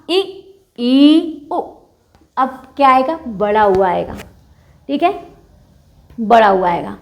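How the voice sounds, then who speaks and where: A woman teacher giving a Hindi alphabet lesson, patiently drawing out each sound and answering her own questions. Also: sits high. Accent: Indian Hindi speaker. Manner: asks the class questions and answers them herself.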